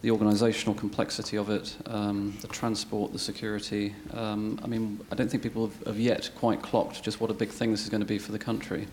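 Male panellist, rapid speech, monotone, earnest, unscripted, faint background noise. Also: fairly low pitch. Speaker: panel speaker. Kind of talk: spontaneous panel remarks.

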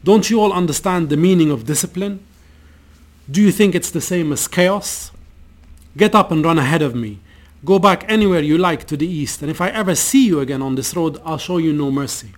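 A man reading aloud the lines of a harsh military governor who shouts threats, in a stern, demanding manner. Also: on the high side, animated, a little fast, lightly acted. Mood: threatening.

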